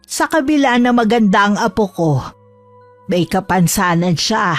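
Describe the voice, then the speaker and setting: A woman voicing a secretive old grandmother who speaks calmly and politely, with faint music behind. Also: mid-range voice, measured pace, lightly acted. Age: older. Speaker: customer.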